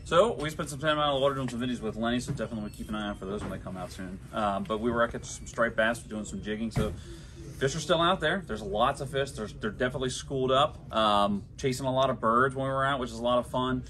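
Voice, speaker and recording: A man's voice: mid-range voice, fast, background noise. A young man working at a tackle shop, giving easygoing practical fishing advice with frequent ums. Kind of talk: casual shop fishing report. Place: inside a tackle shop, amid glass display cases.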